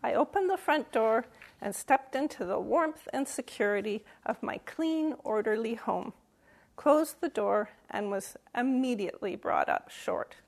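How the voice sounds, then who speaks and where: An older woman delivers an Advent message to a camera in a slightly high voice with a gravelly edge. She tells a self-deprecating story with dry humor and breaks into sudden emphatic bursts. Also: lively intonation, a little slow, a little mellow. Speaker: lay church speaker.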